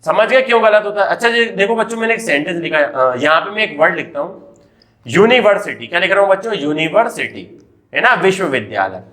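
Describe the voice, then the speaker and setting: A man's voice: sits high, animated, fast, bright, forceful tone. An Indian man teaching English grammar in a classroom, asking his students questions and answering them himself. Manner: repeatedly asks and answers his own questions, addressing children. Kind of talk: classroom lecture.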